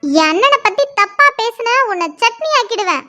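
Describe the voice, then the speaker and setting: A woman's voice: very high voice, expressive, normal speed, bright, forceful tone, soft background music, full character voice. A woman voicing a feisty young female student who defiantly stands up to a bully, in a cartoon story. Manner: defiant, cheeky.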